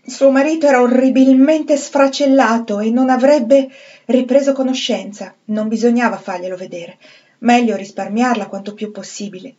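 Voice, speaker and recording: Woman reading a novel aloud, measured. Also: on the high side, dull audio. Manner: measured, expressive literary reading. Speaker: reader.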